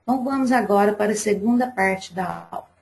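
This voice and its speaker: A woman's voice: mid-range voice, a little fast, creaky, a little mellow, a little hiss or hum. A woman teacher giving a live online class to young pupils, explaining patiently and step by step.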